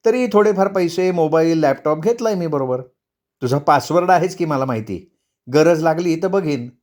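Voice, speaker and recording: A man voicing a bossy, excitable young wife who scolds her husband. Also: fairly high pitch, normal speed, close to an everyday voice.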